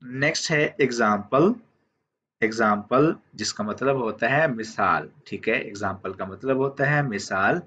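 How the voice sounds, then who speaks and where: A man teaching vocabulary, who says each word and then says it again slowly, often checking in with "theek hai". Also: mid-range voice, bright, forceful tone, breathy edge. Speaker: language teacher. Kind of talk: slow vocabulary lesson. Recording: dull lo-fi audio.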